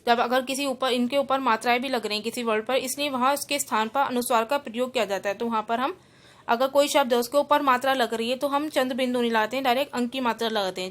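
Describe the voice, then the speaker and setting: A woman teacher with a fairly high voice takes students through a grammar lesson. She breaks words apart sound by sound and then explains each rule again more simply, slipping English terms in along the way. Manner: spells out words letter by letter. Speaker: school teacher.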